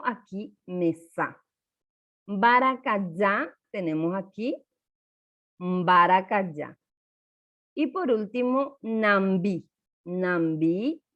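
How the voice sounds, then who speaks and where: A woman teaching a classroom lesson, sounding out syllables slowly for students to repeat. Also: mid-range voice. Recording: dull lo-fi recording.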